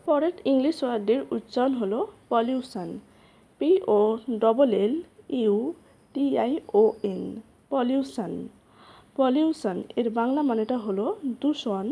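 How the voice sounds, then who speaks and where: A woman hosting a lesson, spelling English words letter by letter and repeating their meanings slowly. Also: a little high, warm tone. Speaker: English teacher, channel host.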